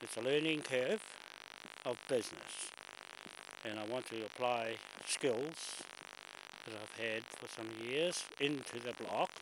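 An older man talks slowly while out of breath, filming himself walking outdoors on a bush stairway. His chat rambles and he keeps clearing his throat. The camcorder audio carries a loud, steady hiss. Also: medium pitch. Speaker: vlogger filming a walk. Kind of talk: casual walking commentary. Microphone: handheld camera mic.

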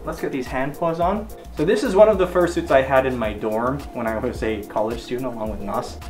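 A man's voice: medium pitch, a little fast, soft background music. A young man chatting in an upbeat, casual way from inside a fursuit head. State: through a costume head. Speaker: furry video creator showing his fursuits. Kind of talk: casual vlog chat.

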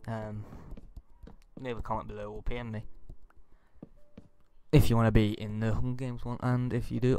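A man's voice: lowish voice, darkish tone, smooth, no echo. A man with a blocked nose and sore throat, rambling apologetically in casual gameplay commentary as a gaming YouTuber, recorded at home. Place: home room.

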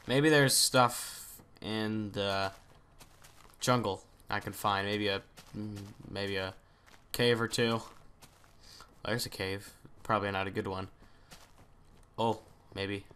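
A man's voice: lowish voice, steady tone, takes it slowly, long pauses, pushed and bright, a little hiss or hum. A man hosting a gaming video, chatting casually and thinking aloud as he plays, often trailing off into mutters. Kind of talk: let's play commentary.

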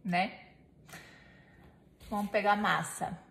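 A home cooking vlogger in her thirties shows a recipe in her home kitchen in a casual demonstration, bantering playfully with viewers and her helper. Her medium-pitched voice is a bit bright, with fairly even intonation and a slow pace. The echoey room has clear background noise.

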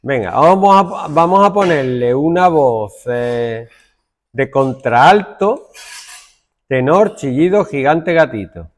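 A man's voice: on the high side, lively intonation, slow. A male computing teacher demonstrating code to a class, thinking aloud as he works and making stern asides to his students.

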